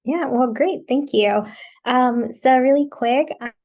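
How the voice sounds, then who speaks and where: A woman's voice: high voice, takes it slowly, a little mellow. A woman in her thirties from Colombia, a wellness coach guest on a podcast, who talks in a rambling way with many "you know" and "like" fillers. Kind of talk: casual podcast interview.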